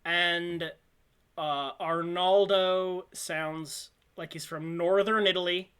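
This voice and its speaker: A game master runs a tabletop role-play session in an unhurried way. The voice is bright and lively, with laughing asides. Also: medium pitch, clear, resonant tone. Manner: explains rules with laughing asides.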